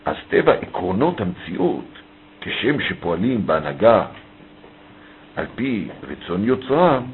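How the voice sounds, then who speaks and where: Over thin, phone-like audio with faint ambience and slight hiss or hum, a Torah teacher with a lowish, sing-song voice reads a passage and then explains it piece by piece, phrase after phrase.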